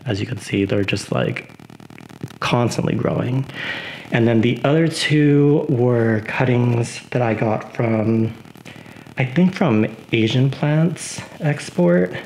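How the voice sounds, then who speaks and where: A man's voice: mid-range voice, a little hiss or hum, low-quality recording. A man giving a casual tour of his houseplants at home, rambling with lots of fillers. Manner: relaxed, unhurried. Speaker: plant vlogger.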